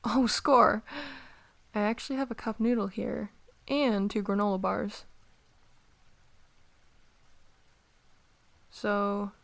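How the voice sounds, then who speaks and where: Woman acting a creaky-voiced prickly young rival, ASMR role-play. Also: medium pitch, fairly even intonation, moderate pace, natural voice. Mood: pleased, practical. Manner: grumbling, sighing, conversational.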